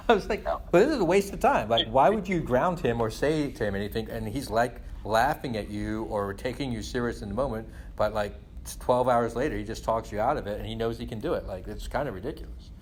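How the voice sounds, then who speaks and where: A middle-aged Englishman, born in England to Guyanese parents of Indian descent, vents casually and rambles, often leaning on "you know" and "like." His mid-range voice is animated and a little fast, with slight background noise.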